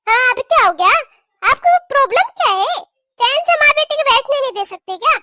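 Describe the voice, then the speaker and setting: A woman's voice: very high-pitched, normal speed, very noisy. A woman doing a snippy complaining sister-in-law. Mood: irritated. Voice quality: indignant, complaining. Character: sharp-tongued young sister-in-law, quick to complain. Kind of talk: cartoon voice acting.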